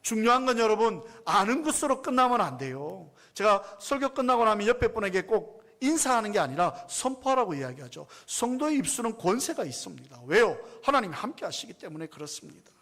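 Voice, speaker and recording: A male pastor preaching a sermon in a notably high voice. He speaks emphatically and keeps throwing rhetorical questions to his congregation. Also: very animated, brisk, hardly any pauses, bright, forceful tone.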